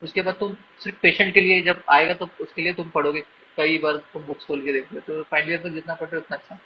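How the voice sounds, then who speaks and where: A young man with a somewhat high voice answers interview questions as a guest doctor. He explains things steadily, slips English phrases into his speech and stops on fillers while he thinks. The recording is muffled and lo-fi, with a faint hiss underneath. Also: fairly even intonation, fast.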